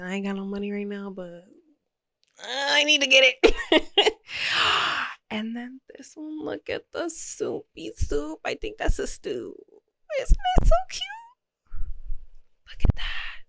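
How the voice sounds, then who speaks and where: A young woman vlogging casually from her home art studio, excited and playful, using slang, on a makeshift mic. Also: medium pitch, no echo. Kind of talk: casual unboxing vlog.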